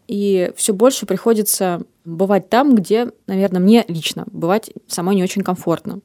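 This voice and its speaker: A woman's voice: mid-range voice, darkish tone, no echo, studio quality. A woman in her thirties, a podcast host telling stories in casual chat. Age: 30s. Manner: reflective, storytelling.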